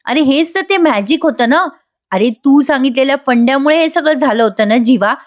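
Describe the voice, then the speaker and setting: A woman's voice: sits high, expressive, a little fast. A woman giving a voice-over recap of a TV serial episode, retelling it animatedly and acting out the characters' lines. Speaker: TV serial reviewer.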